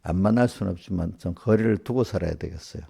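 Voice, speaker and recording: A male pastor lectures a small group, firing off rhetorical questions in a scolding tone. His voice sits low and gravelly, with a dark, mellow timbre. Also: quick pace. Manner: scolding, asks one rhetorical question after another. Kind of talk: small-group sermon addressing congregants directly.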